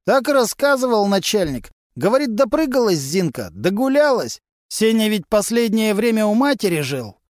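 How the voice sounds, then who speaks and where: In an audiobook, a man voices a cocky male mechanic who mocks others and talks brashly in thieves' slang. The delivery is high-pitched, pitched above the performer's own voice, with big pitch swings at a normal speed and hardly any pauses, recorded in studio quality with no echo.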